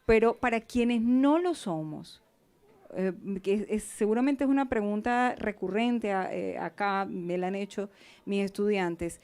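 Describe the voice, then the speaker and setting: A woman's voice: medium pitch, unhurried, a little mellow, smooth. A woman hosting a poetry talk in a café, asking questions with many hesitations. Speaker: host, interviewer. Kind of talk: conversational interview. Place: café event in Cali.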